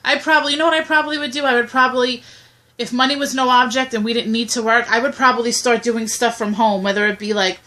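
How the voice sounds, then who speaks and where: A woman's voice: on the high side, steady tone, fast, sharp tone. A woman in her thirties chatting casually, rambling with many fillers and restarts as she answers questions. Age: 30s. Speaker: co-host. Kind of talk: casual chat.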